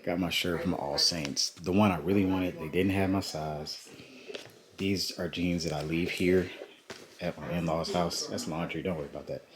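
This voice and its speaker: Deep-voiced man chatting to his vlog camera. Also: steady tone, moderate pace, crowd noise. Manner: laid-back, chatty, talks straight to camera. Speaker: vlogger host. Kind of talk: casual vlog chat. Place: in-laws' house. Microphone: handheld vlog camera.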